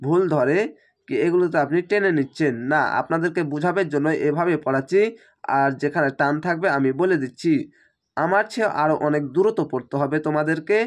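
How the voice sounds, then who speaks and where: A man's voice: on the high side, a little fast. A man teaching Quran recitation letter by letter, patiently spelling out sounds and repeating rules, with a slightly strained voice from feeling unwell.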